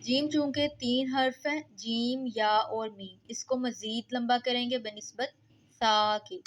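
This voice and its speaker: Slow, patient woman teaching letter sounds. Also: fairly high pitch, steady tone, slight background noise. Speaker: Quran reading teacher. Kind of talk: recitation lesson for beginners.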